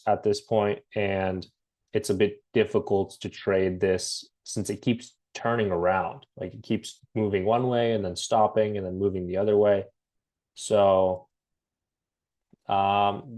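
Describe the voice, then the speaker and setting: A forex trading analyst with a cold gives a relaxed, halting market breakdown in a fairly low, slightly raspy voice. He pauses a lot, says "um" often, and restarts frequently.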